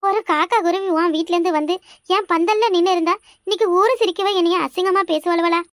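Woman voicing cartoon old mother-in-law, shrill high voice, scolding, rhetorical questions, dry. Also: fairly even intonation, quick pace, dry recording. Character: aged village mother-in-law, sharp-tongued and proud. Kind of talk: cartoon voice acting.

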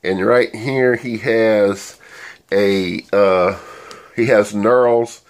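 Speaking very slowly in a fairly low, steady voice clogged by a cold, a DIY host gives a plain, meandering how-to demonstration. He's in a sewing room, filming on a phone he holds in his hand.

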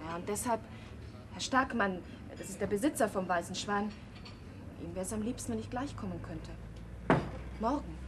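An actress in a 1960s TV drama plays a young waitress, daughter of an innkeeper, who speaks out defiantly against her father. Her mid-range voice keeps a moderate pace with long pauses and light acting, and the old TV soundtrack has a faint hiss.

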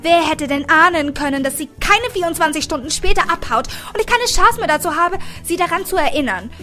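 A nosy, giggling young woman, as a female narrator puts her on, pitched well above the reader's own voice and pushing every line loud and eager. She whines and gushes in bursts like an overexcited girl in a storybook audio drama. Soft music runs underneath. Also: a little fast, heavily acted. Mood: excited teasing. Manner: shrill, loud and breathless with excitement.

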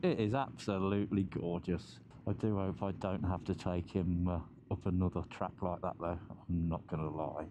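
A man's voice: deep voice, fairly even intonation, moderate pace, few pauses, noisy background. A man riding a motorbike on mountain roads, chatting casually through a helmet mic, laughing often and swearing easily. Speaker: motorcycle vlogger. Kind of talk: casual ride commentary.

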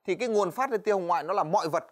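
A man teaching physics in a televised exam-review lesson, talking to students in a chatty way with many fillers and quick checks for understanding. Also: sits high, lively intonation. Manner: quick, chatty, stops often on "đấy" and "ờ"; addresses students directly, asks "right?".

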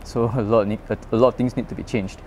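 A bike owner raised in Malaysia, speaking fast at medium pitch, chats in a casual interview about his road bike in an open night-time parking garage. Slight background noise; he's talkative, animated in stories, with frequent fillers and restarts.

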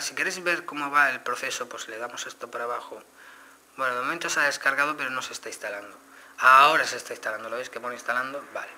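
A man's voice: mid-range voice, pushed and bright. A man with a Spain Spanish accent casually demonstrating a phone to viewers, explaining each step. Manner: explanatory, addresses viewers directly. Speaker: phone reviewer. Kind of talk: casual product demo.

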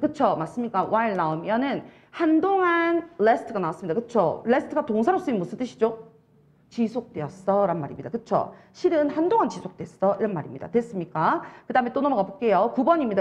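A young woman with a Busan Gyeongsang accent lecturing an English test-prep class, animated and constantly checking that students follow. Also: on the high side, moderate pace. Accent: Busan Gyeongsang Korean. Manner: animated, keeps checking understanding with rhetorical questions.

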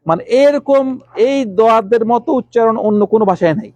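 A man teaching Arabic letters to a class, calling on students by name and repeating letter sounds slowly. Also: very high voice, lively intonation, darkish tone, no echo, highs cut off.

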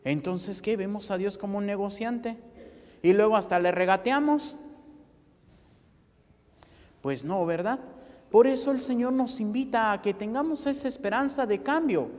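Mexican priest, high voice, preaching in a church with a long echo; asks the crowd question after question. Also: male voice, moderate pace, long pauses, darkish tone. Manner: rhetorical questions, acts out parishioners' pleas. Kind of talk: sermon.

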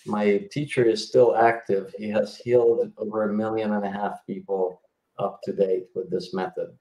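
A middle-aged man from Yugoslavia whose first language is Hungarian explains his work as a healer over a video call from a room at home, with many fillers and restarts. His voice is on the low side, mellow, at normal speed with little pitch movement. The room echoes and the recording is rough.

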